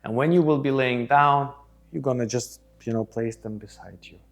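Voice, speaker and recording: A man's voice: medium pitch, normal speed, gravelly, soft background music. Reassuring male breathwork instructor. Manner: reassuring, instructional, often checking with "okay?". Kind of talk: guided group breathwork instruction.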